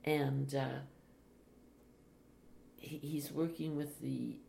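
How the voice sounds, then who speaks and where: An older woman, a retired teacher, speaking slowly and reflectively in an interview. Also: rumbling low, little pitch movement, gravelly. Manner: slow, reflective, with soft laughs. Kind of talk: oral history interview. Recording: echoey room, faint hiss.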